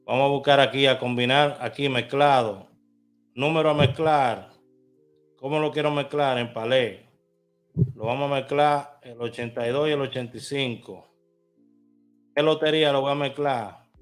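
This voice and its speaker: A man in a casual vlog, chatting to viewers as he walks through placing lottery bets on his phone, from inside a car. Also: mid-range voice. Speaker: vlogger. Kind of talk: casual screen walkthrough.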